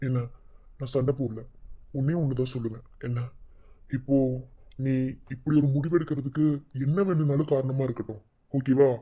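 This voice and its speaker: A man's voice: mid-range voice, fairly even intonation, moderate pace, long pauses, mellow, breathy edge, dull audio, lightly acted. A man voicing a young son-in-law in a cartoon, soothing and reassuring but firm when he has to be. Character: young son-in-law, calm and protective, stern when needed. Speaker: son-in-law comforting the family.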